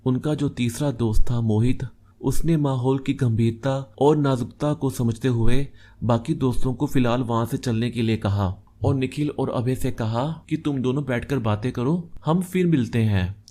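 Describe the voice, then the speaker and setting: A man reading a first-person story aloud in a measured, steady storytelling manner. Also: mid-range voice. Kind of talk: scripted first-person narration.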